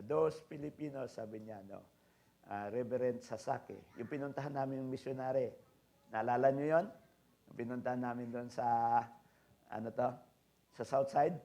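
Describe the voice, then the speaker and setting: A man preaching a sermon as pastor, swinging between soft asides and loud exhortations, often checking in with the congregation and mixing in English phrases. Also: medium pitch, gravelly. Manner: frequent tag questions to the congregation; mixes English phrases into his talk.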